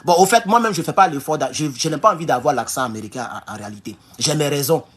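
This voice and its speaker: A man from Burkina Faso with a Burkinabè French accent, giving an animated political commentary vlog and exhorting his listeners as comrades. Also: on the high side, fast, slightly rough.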